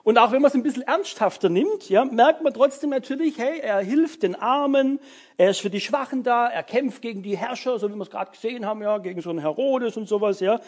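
A man's voice: very high voice, a little fast. A man giving a casual sermon to young people as their youth leader, chatty and full of fillers and tag words.

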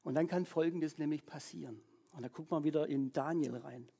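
Preacher, husky voice, animated, conversational sermon, mid pitch. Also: a little fast. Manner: animated, keeps checking in with "ja?". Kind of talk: lively casual sermon.

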